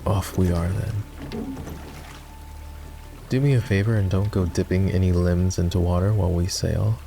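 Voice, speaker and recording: A man voices a gruff, sardonic fantasy knight in a roleplay ASMR piece, grudgingly escorting a princess. His deep, gravelly voice is unhurried and warm yet wary, as he teases and commands her with instructions. Faint music plays behind him.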